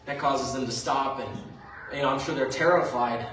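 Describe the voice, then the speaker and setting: A man's voice: medium pitch, normal speed, fairly bright tone. A man preaching a sermon, retelling a story in a conversational way with fillers. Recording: very echoey room, mic far off.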